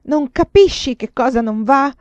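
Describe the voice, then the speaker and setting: A woman's voice: a little high, normal speed, warm tone, no echo, pitched above the performer's own voice, close to an everyday voice. A woman doing an impassioned young Chinese lover. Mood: indignant. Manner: rising, pleading and indignant outbursts.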